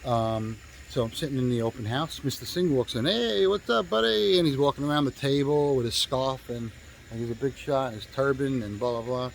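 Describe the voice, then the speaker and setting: Casting: man, real estate agent, loose rambling storyteller, salty language, lots of fillers, mid-pitched voice. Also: fairly even intonation, a little fast, a little hiss or hum, low-quality recording. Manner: rambling, profane, full of fillers and restarts. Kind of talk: casual storytelling.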